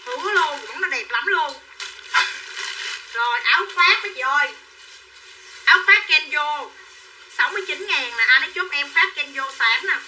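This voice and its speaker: A woman's voice: high-pitched, animated, moderate pace, pauses often, pushed and bright. A woman running a live sales stream, chattily calling out prices and buyer names and coaxing viewers to buy. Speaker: livestream clothing seller. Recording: distant mic with faint background noise.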